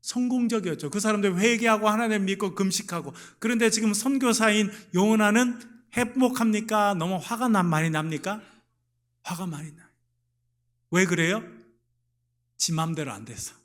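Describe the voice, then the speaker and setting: A middle-aged man with a notably high-pitched voice, preaching a sermon to his congregation. He tosses rhetorical questions to the listeners and answers them himself. Now and then he slips into playful, lively voices to act out the exchanges in the story. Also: normal speed. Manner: acts out lively dialogue voices in the retelling. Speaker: pastor. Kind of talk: sermon at a Wednesday prayer meeting.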